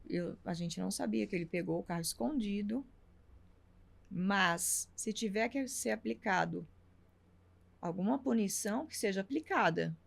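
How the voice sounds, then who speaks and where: A woman's voice: mid-range voice, normal speed, gravelly. A middle-aged woman, telling a personal story as a talk show guest and acting out the dialogue. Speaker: interview guest.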